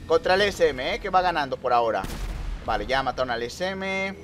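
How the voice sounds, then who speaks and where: A man streaming live gameplay commentary, excitable, muttering one moment and shouting the next. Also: fairly high pitch, brisk, soft background music. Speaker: gaming streamer.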